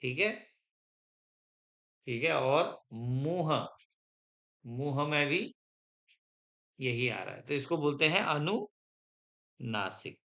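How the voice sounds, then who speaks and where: This grammar teacher speaks in a mid-range voice that is gravelly, bright, and forceful, with lively intonation. Dictating notes to his class, he goes slowly, says each point more than once, and checks comprehension again and again.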